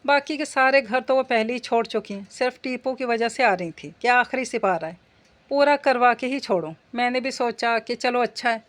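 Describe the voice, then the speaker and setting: A woman's voice: on the high side, a bit bright, natural voice. A woman reading the part of a reasonable, soothing elder daughter-in-law who is a young mother.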